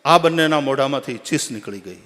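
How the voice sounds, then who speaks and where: A man giving a devotional address at a religious gathering, telling a parable and rising to loud, emphatic appeals. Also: medium pitch, animated, a little fast. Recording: long hall reverb.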